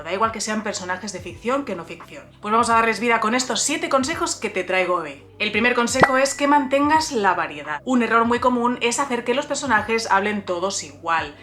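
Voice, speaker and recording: A woman's voice: medium pitch, a bit bright. A woman hosting a casual video lesson on writing, talking straight to the viewer with frequent fillers and restarts. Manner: chatty, addresses viewer directly, frequent "eh" and restarts. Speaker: writer and writing coach, channel host.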